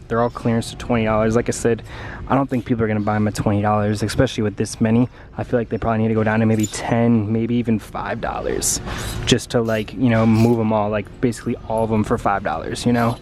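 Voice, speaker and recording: A man's voice: medium pitch, noisy background. A young man talking casually to the camera as a vlogger, with plenty of "like" fillers. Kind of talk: casual vlog narration.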